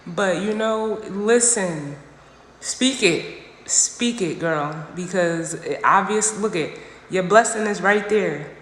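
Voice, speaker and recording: A woman's voice: medium pitch, takes it slowly. A woman gives a casual tarot reading over a phone livestream, speaking directly to her listener. She is emphatic and slangy and keeps repeating key phrases. Her voice rings in an echoey room with a long tail of reverb and a faint hiss underneath. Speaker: tarot reader.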